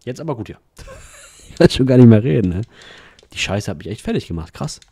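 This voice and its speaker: A man hosting a let's play, giving casual gameplay commentary in an excitable way, swearing and laughing at the game. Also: medium pitch, fairly quick, slightly rough.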